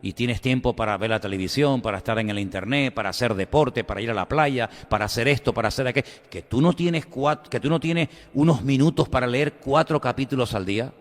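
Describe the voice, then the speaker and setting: Animated male preacher in a reverberant hall. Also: medium pitch, a little fast, few pauses. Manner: animated storytelling preacher, swings from loud to hushed. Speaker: pastor. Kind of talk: sermon.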